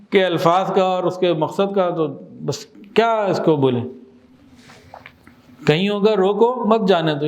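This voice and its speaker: A man with a fairly high voice gives a religious talk. He explains with everyday examples, puts questions to his listeners and says key phrases again slowly for emphasis. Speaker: Islamic teacher.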